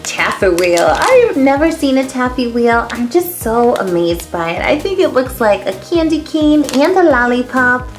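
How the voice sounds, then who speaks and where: A woman's voice: sits high, moderate pace, few pauses. Gushing, bubbly woman reviewing candy. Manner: gushing, animated, cutesy. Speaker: host. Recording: faint background music.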